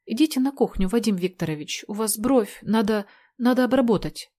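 A woman voicing a frightened young woman who pleads in a higher, louder voice than her narration. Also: expressive, a little fast. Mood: timid.

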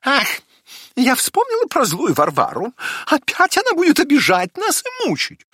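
A man voicing a sad little female monkey with a high, sighing voice. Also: wildly swooping pitch, moderate pace, sharp tone, no echo, clean studio sound, exaggerated voice.

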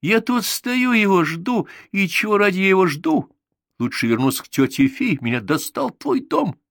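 A man reading an audiobook, voicing a jealous, hot-tempered young boy who yells insults. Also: sits high, animated, moderate pace, no room sound, clean studio sound, pitched above the performer's own voice. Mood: angry. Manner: loud, yelling, rude insults.

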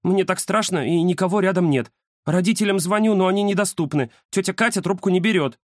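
A man's voice: high voice, a little fast, no room sound, clean studio sound, voice pushed up, natural voice. A man voicing a frightened ten-year-old girl who speaks in breathless, pleading bursts in an audiobook. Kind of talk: audiobook character voice.

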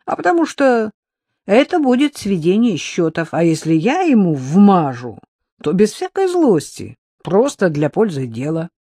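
A reader voicing a calm, unflappable man who speaks about violence in a deadpan, matter-of-fact way. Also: high voice, unhurried, breathy edge, dry recording, studio quality, voice pushed up, full character voice. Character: calm, unflappable long-haired male enforcer.

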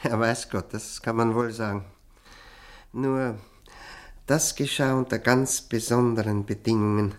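A male actor with a medium-pitched, steady voice plays a modest, courteous middle-aged lawyer in a radio drama. His lightly acted delivery is hesitant, deliberate and polite, with a pensive, confiding mood.

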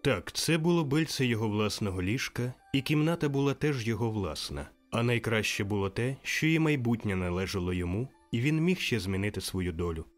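A man's voice: on the low side, expressive, brisk, hardly any pauses. Man narrating a classic novel. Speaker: audiobook narrator. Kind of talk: scripted narration. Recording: faint music behind.

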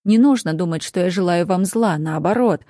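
A woman reading an audiobook, voicing a cautious, blunt male official who explains matters in a measured, matter-of-fact way. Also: fairly low pitch, dark tone, no echo, studio quality, natural voice.

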